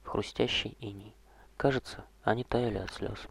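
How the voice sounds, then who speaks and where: Husky low-voiced male audiobook narrator. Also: fairly even intonation, normal speed. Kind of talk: first-person audiobook narration.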